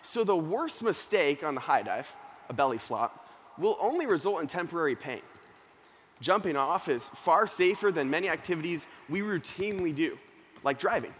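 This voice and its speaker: Young guy doing a motivational speech, kinda high voice, goes loud then quiet telling his story. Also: normal speed, slight background noise. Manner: animated storyteller, swings from loud excitement to hushed seriousness. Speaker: youth organization speaker.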